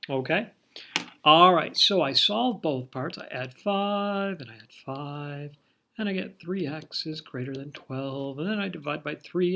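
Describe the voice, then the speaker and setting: Male algebra teacher, slightly high voice, playful and jokey, talks to the class through a video. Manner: playful, joking, teasing the class. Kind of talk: recorded video math lesson.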